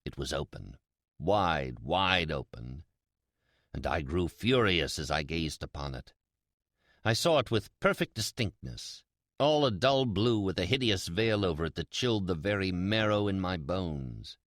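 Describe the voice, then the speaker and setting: Male actor as a gloating mad killer, theatrical Gothic horror reading, very animated intonation, drawn-out emphasis, close dry sound. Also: low-pitched, dry recording, heavily acted. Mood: creeping dread. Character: mad, gloating, sly male murderer confessing his crime.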